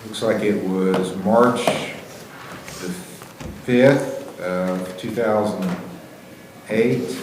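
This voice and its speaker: A man speaking as a judge, questioning a defendant in a formal, matter-of-fact, procedural way in a courtroom. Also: sits low. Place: echoey courtroom. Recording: very echoey room, faint noise.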